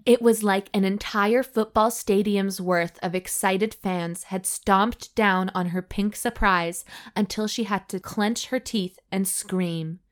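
Deadpan woman reading aloud for laughs. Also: medium pitch, slow, hardly any pauses. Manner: mock-serious, deadpan narration. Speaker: podcast co-host reading a book aloud. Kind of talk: comedic dramatic reading with banter.

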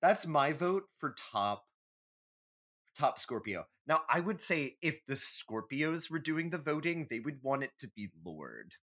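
A man co-hosts a podcast, chatting casually and comedically with emphatic opinions and some swearing. His voice is a little high, sing-song, unhurried and a bit bright.

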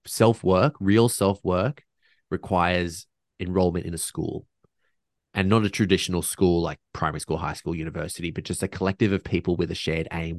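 Low gravelly guy talking as a podcast guest, earnest, lots of ums and restarts, casual swearing. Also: dry recording, clean studio sound. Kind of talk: casual conversational interview.

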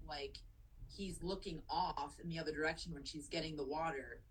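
A woman's voice: deep voice, fairly even intonation, normal speed, breathy edge, low-quality recording. A woman co-hosting a podcast in casual movie chat, emotional and enthusiastic, swearing casually. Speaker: podcast co-host.

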